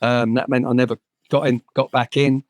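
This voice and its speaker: A man's voice: mid-range voice, flat delivery, normal speed, dry recording. An English man in his sixties, a former footballer, telling frank, sweary anecdotes with many fillers and restarts. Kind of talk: storytelling anecdotes in conversation.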